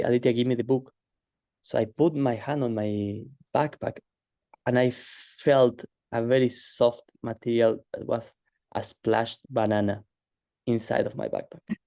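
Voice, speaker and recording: Man, casual storytelling, halting with fillers, mellow tone, dry close sound. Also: mid-range voice, steady tone, gravelly, no room sound. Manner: hesitant, halting, many fillers and restarts. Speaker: guest telling a personal story.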